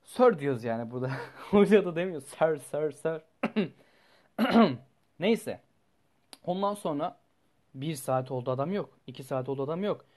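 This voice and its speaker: A man's voice: a little high, moderate pace. Young guy venting about his week, rambly, cusses a lot, gets worked up. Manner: rambling and animated, swears freely. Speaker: student telling a personal story. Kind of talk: casual storytelling vlog.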